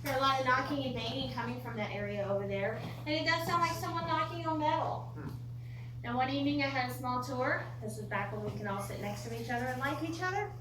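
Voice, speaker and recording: American female ghost tour guide, informal and jokey storyteller, fairly high voice, picked up from afar with clear noise. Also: fast. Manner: folksy, joking, chatty storytelling. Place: indoor room of an old theatre. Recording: roomy echo, distant mic, clear background noise.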